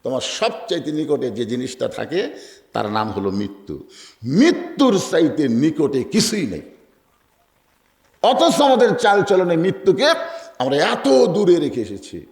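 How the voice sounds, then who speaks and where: A male preacher with a Bangladeshi Bengali accent delivering an emotional sermon, telling a story and swinging between loud cries and hushed quoted lines. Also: medium pitch, very animated, moderate pace, reverberant.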